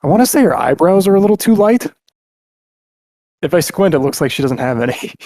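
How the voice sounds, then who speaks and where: A man's voice: fairly high pitch, animated, brisk, dark tone, no room sound. A man hosting a podcast, musing casually with hesitant restarts. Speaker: podcast host. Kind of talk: casual chat.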